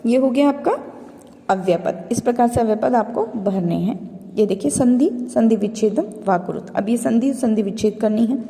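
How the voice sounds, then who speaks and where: A woman's voice: a little high, normal speed, vocal fry, warm tone, in a large hall. A woman teacher going through an exam revision lesson step by step, calling her pupils children and asking and answering her own questions. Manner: calls listeners children.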